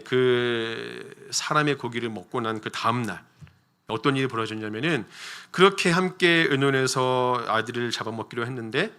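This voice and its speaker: Male pastor, sermon delivery, bright forceful tone, habitual "자" fillers, asks the congregation questions. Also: mid-range voice. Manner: frequent fillers "자" and "예", storytelling with rhetorical questions. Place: church sanctuary.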